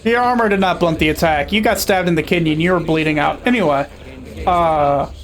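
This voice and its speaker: A young man streams a video game, commenting casually as he plays in a fairly high voice at a fairly quick pace. His chatter is friendly and sarcastic.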